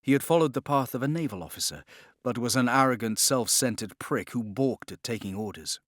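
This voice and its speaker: An audiobook narrator with a mid-range voice reads a novel as scripted dramatic narration, measured and expressive in his storytelling. The recording is dry and studio quality.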